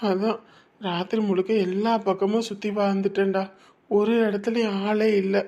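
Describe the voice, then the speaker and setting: A woman's voice: medium pitch, flat delivery, normal speed, warm tone, close to an everyday voice. A woman voicing a worn-out young husband who is desperately searching for his missing wife, pleading and tearful. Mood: worried, exhausted. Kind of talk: audio drama acting.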